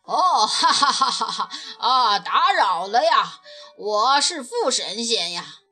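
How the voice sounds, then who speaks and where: A woman voicing a jolly, hearty god of wealth who speaks loudly in a storybook reading. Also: a little high, big pitch swings, slow pace, full character voice. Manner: hearty and loud.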